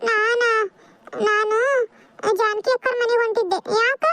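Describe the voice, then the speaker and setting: A woman's voice: very high voice, steady tone, measured pace, fairly bright tone, no room sound. A woman voicing a wary, timid village boy in a cartoon. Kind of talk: cartoon voice acting.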